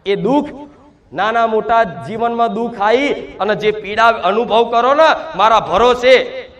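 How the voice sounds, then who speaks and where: A man's voice: sits high, measured pace, a bit bright. A man preaching a sermon to devotees, speaking in first person as the mother goddess and repeating fervent rhetorical questions.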